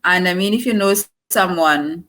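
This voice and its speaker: A woman's voice: fairly low pitch, normal speed, fairly bright tone. A woman from Trinidad and Tobago with a Trinidadian accent, explaining her work earnestly as an interview guest. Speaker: guest, digital marketer. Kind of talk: casual interview chat.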